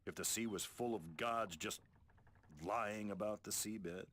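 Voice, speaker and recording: An actor playing a sardonic, exasperated merchant sailor in a video game, grumbling and mocking. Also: male voice, on the low side, unhurried, fairly bright tone. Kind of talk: video game character acting.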